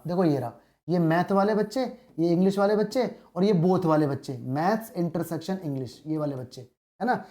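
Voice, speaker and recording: A woman's voice: mid-range voice, mellow. A woman teaching a maths lesson, asking questions and answering them herself and repeating the key points. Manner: repeats key points, reads English text slowly. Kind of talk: classroom maths lesson in Hindi.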